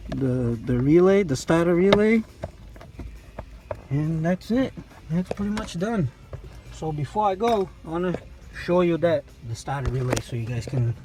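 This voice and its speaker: In this casual how-to clip, a Brazilian car repair YouTuber with a Brazilian Portuguese accent works while recording on a phone in one hand, talking in loose, repetitive fits and starts. His voice is fairly high, with background noise behind it.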